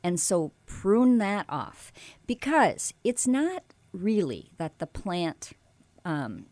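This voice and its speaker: A woman's voice: mid-range voice, big pitch swings, takes it slowly, a little mellow, no room sound. A woman from Alaska explaining how to grow and prune tomatoes in a casual, explanatory way, with frequent ums and self-corrections. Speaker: gardening expert guest. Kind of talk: casual radio gardening advice.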